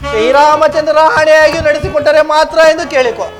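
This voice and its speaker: A man's voice: very high-pitched, brisk. A man playing a scheming old female maidservant in a village stage drama, coaxing and insistent. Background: stage music accompaniment.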